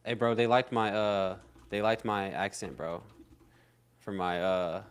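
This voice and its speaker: A young man co-hosting a podcast, talking in relaxed, slangy banter. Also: fairly low pitch, a little slow, clean tone. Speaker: podcast co-host. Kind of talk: casual podcast chat.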